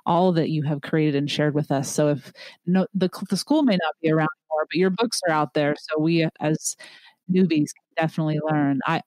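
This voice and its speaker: A woman's voice: sits low, steady tone, brisk, darkish tone, no echo, poor audio. A woman hosting a podcast interview, eager and admiring, with many fillers and restarts. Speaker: podcast host.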